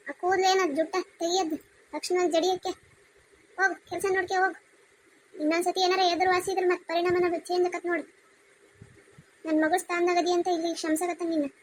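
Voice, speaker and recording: Cartoon, woman voicing a bossy mother-in-law, North Karnataka Kannada accent, very high voice, fast scolding. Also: a bit bright, slight background noise. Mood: stern. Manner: scolding, commanding.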